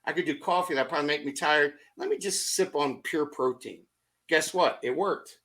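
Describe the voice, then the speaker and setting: A middle-aged man on a motivational podcast, telling energetic stories full of rhetorical questions and acted-out asides. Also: on the high side, moderate pace. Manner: acts out his own thoughts in quoted asides. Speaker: podcast guest.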